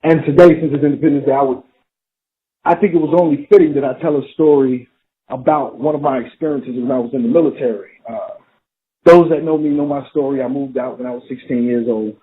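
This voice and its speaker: A man's voice: medium pitch, fairly even intonation, brisk. A man giving a motivational talk, telling a story and building to a preacher-like call to get up. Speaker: motivational speaker. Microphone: phone call. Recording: tinny phone line.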